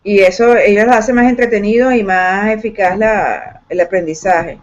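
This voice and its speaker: A woman's voice: mid-range voice, moderate pace. A woman teacher speaking in an online class, hesitant with many fillers and restarts, over a video call microphone. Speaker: computer science teacher. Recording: dull lo-fi call audio.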